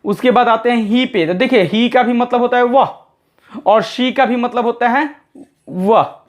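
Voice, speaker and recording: A man teaching English grammar as a classroom lesson, patiently spelling words out letter by letter and repeating phrases. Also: very high voice. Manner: patient, explains slowly and step by step.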